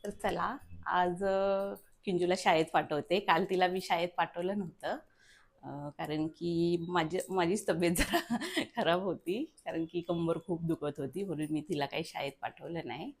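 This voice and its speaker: A woman's voice: fairly low pitch, normal speed. A young woman, chatting casually through a family vlog at home and coaxing her child along. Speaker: vlogger and mother.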